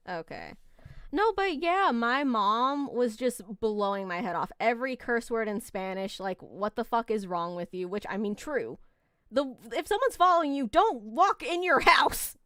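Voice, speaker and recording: A young woman streamer telling a story casually, animated, swearing and mocking herself as she rambles. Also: on the high side, clean tone, no room sound, clean studio sound.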